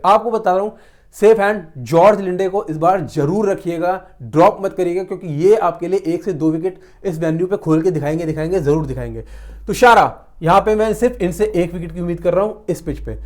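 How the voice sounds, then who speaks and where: A man talks through fantasy cricket picks in a casual, blunt way, often calling his viewers brothers. His voice sits high for a man. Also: a little mellow. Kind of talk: casual talk to camera about cricket picks.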